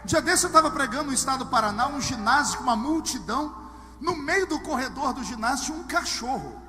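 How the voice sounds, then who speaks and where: A man preaching a sermon to a live congregation, telling humorous stories and swinging from hushed asides to shouted lines. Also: very high voice, expressive, brisk. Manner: humorous storytelling. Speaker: pastor. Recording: long hall reverb with music underneath.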